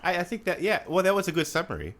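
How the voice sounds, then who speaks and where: Speaking fast in a high, sing-song voice that's a bit bright and slightly nasal, a podcast co-host from Rapid City, South Dakota, reads out listener comments. His manner is joking, he laughs a lot, and the talk stays casual.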